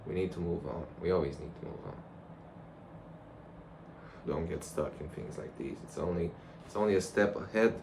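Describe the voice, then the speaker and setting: A young male vlogger with a low-sitting voice rambles casually and reflectively to the camera in a loose, conversational monologue. He speaks at normal speed with long pauses, and the recording's background noise is clear.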